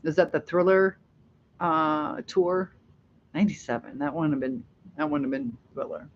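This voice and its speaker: Reading comments on her casual livestream, this middle-aged Ohio host rambles, chats and laughs a lot. Her deep, gravelly voice swings hugely in pitch at a moderate pace. The audio is dull and lo-fi, with slight background noise.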